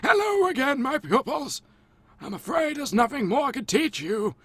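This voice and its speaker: A man's voice: extremely high pitch, big pitch swings, normal speed, a bit bright, husky, dry recording, pitched above the performer's own voice, full character voice. A man putting on a stereotypical old male wizard voice, thin and reedy from a dry throat. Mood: wise. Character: old male wizard mentor, rambling and absent-minded.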